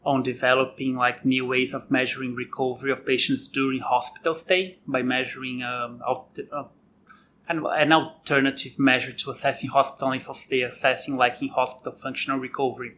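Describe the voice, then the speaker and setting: A man's voice: mid-range voice, level tone, a little fast, sharp tone, slight background noise. A man in his thirties from Brazil, speaking English with a Brazilian accent, answering interview questions casually with many filler "likes". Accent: Brazilian Portuguese. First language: Portuguese. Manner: frequent "like" fillers. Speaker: guest researcher.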